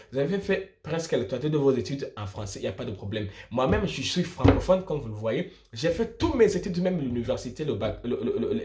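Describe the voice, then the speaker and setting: Speaking at a medium pitch with a darkish tone, a young man from Burundi vlogs study-abroad advice as a student. He explains informally and with emphasis, going over his ideas again and rephrasing them.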